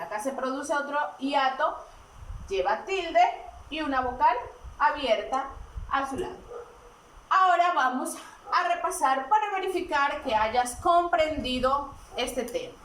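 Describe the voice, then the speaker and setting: A woman teaches a grammar lesson, slowly and patiently, answering her own questions. She is recorded from some distance in an echoey room. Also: high-pitched, a bit bright, a little hiss or hum.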